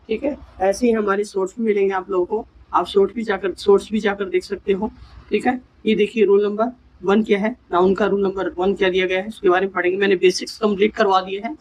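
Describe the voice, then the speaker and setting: A grammar teacher, a man with a fairly high voice, runs through word lists for exam students. He poses a question and answers it himself, and he keeps checking in with his class after every point. When he reaches the English example sentences he slows down a lot and reads them word by word. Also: poor audio. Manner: repeats "ठीक है ना" after each point, asks and answers his own questions. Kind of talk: exam-prep grammar lesson.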